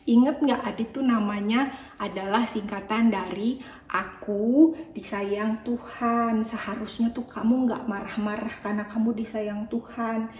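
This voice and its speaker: A woman preacher giving a children's sermon, gentle and coaxing as she talks to the kids. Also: fairly high pitch, fairly even intonation, measured pace. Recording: roomy echo.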